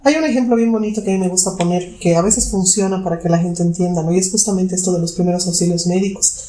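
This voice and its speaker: Woman, psychologist guest, quick pace, roomy echo. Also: on the low side, steady tone, dark tone. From Bolivia. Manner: explains with vivid examples. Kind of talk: interview answers.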